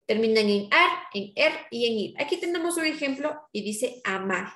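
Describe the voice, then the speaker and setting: A woman's voice: on the high side, expressive, normal speed, a bit bright, echoey room. A woman teacher giving a patient grammar lesson to her class, often checking in with her students.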